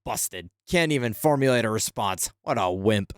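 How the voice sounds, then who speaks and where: A man voicing a sharp-tongued young woman alchemist in a video game, reading her lines in a dry, mocking way. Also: lowish voice, animated, moderate pace, clear, resonant tone, no echo, voice pushed down, lightly acted. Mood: hurt.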